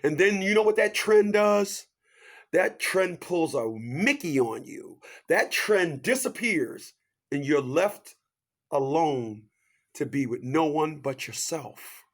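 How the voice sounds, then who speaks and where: A fifty-something man delivers a preachy motivational monologue in a fairly high voice. He fires rhetorical questions and repeats his catchphrases, swinging hard between loud, lifted lines and low, hushed asides. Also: lively intonation, slow pace. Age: 50s.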